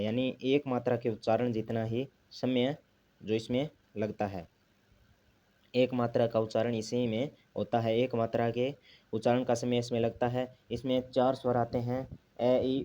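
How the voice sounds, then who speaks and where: A man's voice: mid-range voice, mellow. A man teaching a grammar lesson, asking himself questions and repeating the key terms. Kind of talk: classroom lesson explanation.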